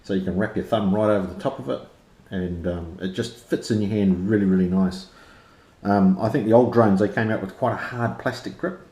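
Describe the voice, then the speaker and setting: A man's voice: deep voice, mellow. A man with a broad New Zealand accent giving a casual, unscripted product review in informal, slangy language. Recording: roomy, echoey sound.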